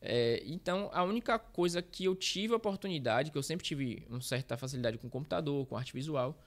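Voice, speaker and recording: Slightly high-voiced and brisk, with lively intonation, a man in his thirties from Bahia tells his life story as a guest in a casual interview. He is a street reporter who rambles, self-corrects, and drops slang fillers.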